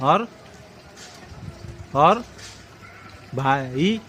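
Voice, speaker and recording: A man's voice: on the high side, expressive, drawn-out words. Young father coaxing his toddler outdoors. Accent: Hindi-Urdu from western Uttar Pradesh. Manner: coaxing, gentle, playful with a small child. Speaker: vlogger and father. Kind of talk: casual vlog, talking to his toddler. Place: outdoors by a street market. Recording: outdoor phone recording with loud street noise.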